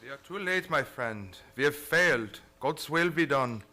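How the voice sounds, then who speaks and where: Commanding, grim doctor played by a man, sharp-edged, animated delivery, radio play. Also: on the high side, measured pace. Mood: grim, resigned. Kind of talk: old-time radio drama acting.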